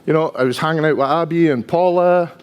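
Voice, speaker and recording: A man's voice: on the high side, quick pace, clean tone. A man in his fifties from Dundee with a strong Dundonian Scottish accent, giving an informal, chatty, self-deprecating conference presentation. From Dundee, Scotland. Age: 50s. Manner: chatty, self-deprecating, often tags sentences with "right?". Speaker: conference speaker, IT engineer.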